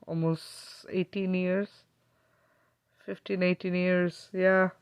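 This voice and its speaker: A woman from Kenya hosts a live healing stream, talking casually to her viewers in an unhurried way. Her voice sits a little low, and she keeps reassuring them, checking in with little questions as she goes. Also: level tone, clear, resonant tone. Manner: chatty, reassuring, often asks "okay?" and "isn't it?". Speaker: spiritual healer hosting a live stream.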